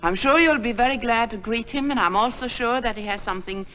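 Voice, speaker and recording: An actress playing an earnest, proper young nun who runs a school, speaking in a gently reproving way. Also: female voice, fairly high pitch, brisk, natural voice. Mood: formal. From Sweden, raised in Minnesota. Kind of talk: 1940s film acting. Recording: muffled 1940s film soundtrack with faint hiss.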